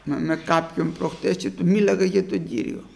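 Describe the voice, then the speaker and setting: A man preaching a sermon to his congregation, retelling conversations and swinging between soft asides and emphatic bursts. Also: high-pitched, vocal fry, a little hiss or hum.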